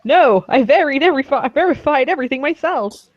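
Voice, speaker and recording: High-voiced woman hosting a game stream. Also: lively intonation, fast talker, no room sound, highs cut off. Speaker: streamer and host. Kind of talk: casual group gaming stream banter.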